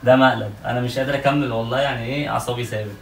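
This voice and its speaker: A man's voice: medium pitch, steady tone, very fast, creaky. A young Egyptian man pranking his wife at home, stammering through defensive denials, recorded on a phone set across the room. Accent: Egyptian Arabic. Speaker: prankster husband, channel co-host. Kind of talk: casual prank argument at home. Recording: echoey room, camera far off, noisy.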